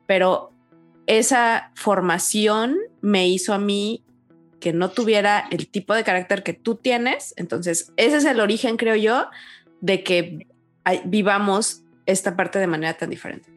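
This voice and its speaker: A woman's voice: medium pitch, a little slow, soft background music. A Mexican woman co-hosting a podcast, recalling her experiences in a casual, reflective and somewhat hesitant way. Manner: reflective, hesitant, with fillers and trailing asides. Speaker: podcast co-host. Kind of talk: casual chat, storytelling.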